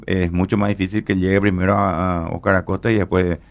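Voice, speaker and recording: A man talks through an explanation at length as an interview guest. His voice sits low and has a gravelly, creaky texture. He keeps checking in with his listener as he rambles on. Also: little pitch movement, brisk. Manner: explanatory, rambling with fillers and tag questions. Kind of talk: explaining an app in a radio interview.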